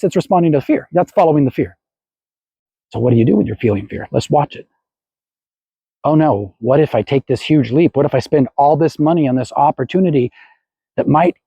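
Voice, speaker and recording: A man's voice: mid-range voice, vocal fry, mellow, breathy edge, no room sound, highs cut off. A man hosting a motivational podcast, coaching listeners and acting out their anxious inner voices. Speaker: podcast host.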